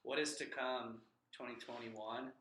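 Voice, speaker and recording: Male interviewer, casual and friendly, bright tone, roomy echo. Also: mid-range voice, fairly even intonation, a little slow, slight background noise. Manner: friendly, loosely phrased questions. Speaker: host.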